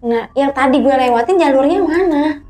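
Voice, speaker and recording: Speaking over music in a high voice, a guest recounts her own creepy hiking encounter, her lively, casual telling full of quick back-and-forth quotes from others.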